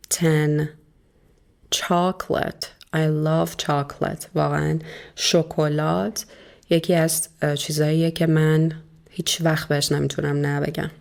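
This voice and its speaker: A woman teaching a recorded video lesson, her voice low and pitched with a gravelly edge. She explains things in Persian and slows right down to pronounce each English word clearly. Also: darkish tone.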